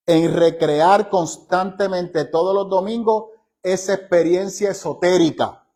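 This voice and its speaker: Bible study teacher, male, slightly high voice, conversational but emphatic, drags out key phrases. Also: darkish tone. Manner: emphatic, asks rhetorical questions of listeners; slows down to stress key phrases.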